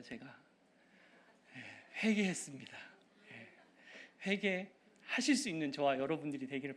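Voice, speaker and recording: Lively earnest male pastor preaching. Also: fairly high pitch. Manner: earnest preaching with frequent "eo" fillers and rising emphasis. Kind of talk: sermon.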